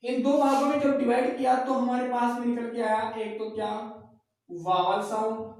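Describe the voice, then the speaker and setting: A man's voice: very high voice, level tone, moderate pace, darkish tone. A man teaching a class who asks his own questions, answers them, and repeats each key point. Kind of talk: classroom lecture. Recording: very echoey room, mic far off.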